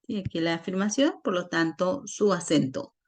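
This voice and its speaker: A woman teaching a grammar lesson online, explaining slowly and patiently and checking in often with her students. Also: on the low side, a little mellow. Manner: slow, patient, checks in with frequent "¿sí?". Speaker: Spanish teacher.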